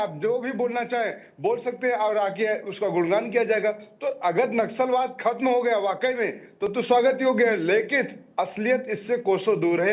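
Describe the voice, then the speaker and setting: Male political spokesman, high-pitched, sarcastic, combative debate style with rhetorical lists. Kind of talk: argumentative TV debate.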